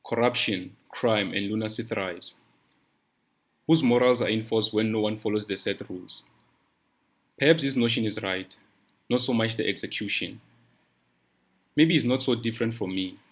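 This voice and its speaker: A male narrator voices a troubled, thoughtful police detective who speaks in a measured, reflective way. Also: fairly low pitch, lightly acted.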